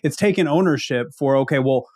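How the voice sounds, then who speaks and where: A man's voice: medium pitch, a little fast, a little mellow. A man from the Ozarks with an Ozark accent, giving conversational leadership advice as a panel guest, emphatic and fond of rhetorical questions. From Ozarks, United States.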